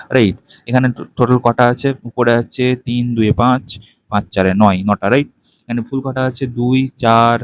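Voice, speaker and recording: A man, walking through a textbook page in a lesson, ending nearly every point with a quick tag question and counting items aloud. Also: medium pitch, no echo. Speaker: teacher.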